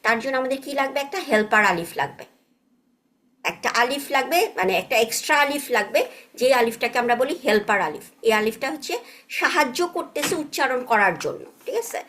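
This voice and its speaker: Patient woman teaching grammar, higher voice. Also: animated, brisk, a bit bright, a little hiss or hum. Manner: patient, checks understanding with frequent tag questions; mixes English words into explanations. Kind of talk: online class explanation.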